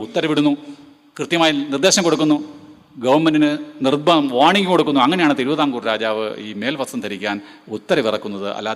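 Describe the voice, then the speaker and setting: A man's voice: medium pitch, big-room sound. A man with a Malayali accent giving an emphatic lecture to seminary students and throwing rhetorical questions at them. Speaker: guest lecturer.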